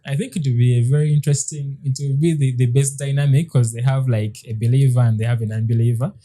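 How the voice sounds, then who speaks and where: A man in his thirties co-hosting a podcast in casual chat, hesitant, with frequent restarts and soft laughs. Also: medium pitch, steady tone, fast. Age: 30s. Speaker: podcast co-host.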